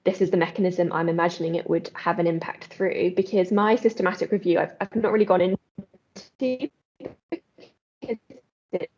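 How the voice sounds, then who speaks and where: A woman's voice: lowish voice, little pitch movement, fairly quick, long pauses, darkish tone. A woman doctoral researcher explaining her work on a video call, her audio breaking up, speaking hesitantly with many restarts. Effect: choppy video-call audio breaking up. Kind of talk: academic presentation answering questions. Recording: dull lo-fi call audio cutting out.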